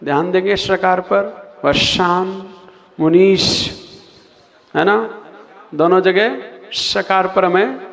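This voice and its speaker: A man with a high, light voice sings verses slowly, then stops to correct each syllable and quiz his students. He speaks at a very unhurried pace. His voice rings out with a long reverb, as in a large hall. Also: creaky, fairly bright tone. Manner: corrects pronunciation patiently, quizzes listeners. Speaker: Jain monk teaching chanting. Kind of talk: pronunciation lesson with sung Sanskrit verses.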